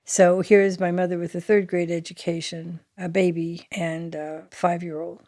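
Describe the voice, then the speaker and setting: A woman's voice: fairly low pitch, little pitch movement, moderate pace, warm tone, no echo, studio quality. An older woman from the United States, recalling her family's past in an interview in a matter-of-fact way. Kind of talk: reminiscing interview.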